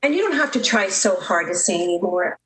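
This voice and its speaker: A woman plays a proud, lovestruck young switchboard operator in an emotive, melodramatic radio drama styled after the 1930s, sounding hurt, proud and heartbroken. Her medium-pitched, fairly bright voice swings widely in pitch at a fairly quick pace. The recording has a roomy echo and background noise.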